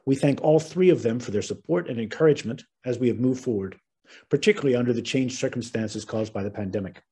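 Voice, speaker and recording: A middle-aged man from the United States opens a webinar as its host and moderator, giving formal opening remarks in an earnest, measured tone. His mid-range voice is husky and mellow, with the odd "um" and restart. The sound comes through a video-call microphone.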